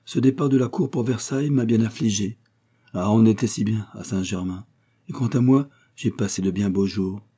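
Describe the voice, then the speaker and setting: A man voicing a gentle, wistful young noble lady in an audiobook, with soft, earnest courtly speech. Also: fairly low pitch, normal speed, slightly rough. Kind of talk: audiobook character voice.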